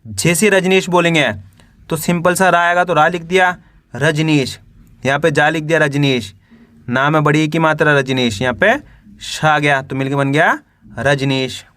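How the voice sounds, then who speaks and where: A man with a bright, somewhat high voice teaches a beginners' reading and spelling lesson. He sounds out every word one syllable at a time and keeps asking the learner what comes next. The recording is dry and close. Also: fairly even intonation, moderate pace, dry recording. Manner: repeats each word and asks questions back to the learner.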